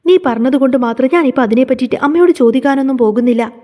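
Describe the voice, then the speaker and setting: A woman voicing a caring young husband who presses with questions, in a fast retelling of a TV serial. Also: high-pitched, dark tone. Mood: insistent. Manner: insistent, questioning.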